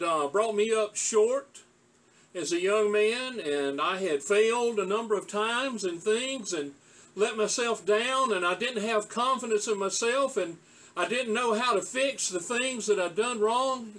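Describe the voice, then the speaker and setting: A man in his sixties hosting a devotional Bible talk, speaking in a gentle, heartfelt and earnest way. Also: high voice, measured pace. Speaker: Bible teacher hosting his own show. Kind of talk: devotional talk and poem recitation.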